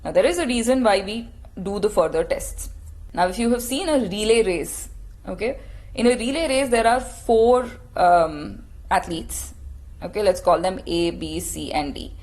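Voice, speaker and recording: A woman's voice: mid-range voice, animated, normal speed, darkish tone. A woman lecturing on clinical testing, explaining step by step in a patient teaching tone and asking rhetorical questions.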